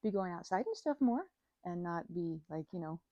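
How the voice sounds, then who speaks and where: Playing a chatty best friend in an informal ASMR roleplay, a woman rambles and keeps interrupting herself mid-thought. Her lowish, mellow voice has lively intonation and a moderate pace. The recording is dry, with dull audio.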